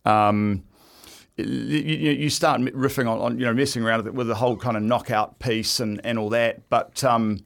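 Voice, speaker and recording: A man's voice: medium pitch, fairly even intonation, normal speed, vocal fry, a bit bright. A middle-aged man chatting casually as an interview guest, in a stop-start, self-deprecating way. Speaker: guest, event ring announcer. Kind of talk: casual radio interview chat.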